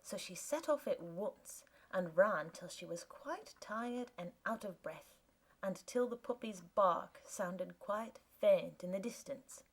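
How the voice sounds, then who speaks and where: Female audiobook narrator; measured, unhurried, mid-pitched. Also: lively intonation, breathy edge. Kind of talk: scripted narration.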